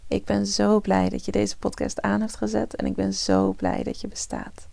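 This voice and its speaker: A woman guiding a morning meditation as podcast host in a soft, breathy, soothing half-whisper, slow like a spa relaxation track. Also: mid-range voice, very animated, no echo.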